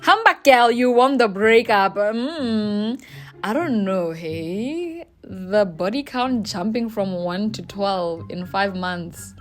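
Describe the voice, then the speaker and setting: A woman's voice: mid-range voice, expressive, takes it slowly, faint music behind. A South African woman frankly giving advice as she reacts to viewer confessions, playful and slangy. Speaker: YouTuber reading viewer confessions. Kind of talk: casual advice chat.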